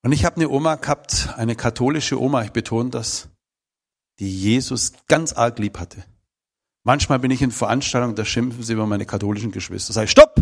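A man's voice: mid-range voice, a little fast, creaky. A man, telling his personal testimony in an emphatic, emotional way. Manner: emphatic, emotional storytelling with shifting volume.

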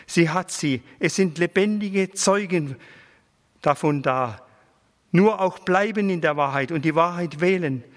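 A man's voice: a little high, measured pace, big-room sound, voice pushed up, natural voice. A man reading aloud and voicing the quoted words of a dying elderly pastor, in a raised, earnest, pleading tone.

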